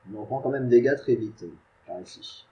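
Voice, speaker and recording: A man's voice: medium pitch, a little fast, lo-fi sound. A man giving casual, self-mocking gameplay commentary from a home computer setup, chatting and muttering to himself as he plays. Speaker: gaming YouTuber.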